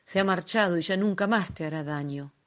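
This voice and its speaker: A woman reading an audiobook voices a gentle mother softly comforting her child. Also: on the low side, brisk, close to an everyday voice. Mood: tender.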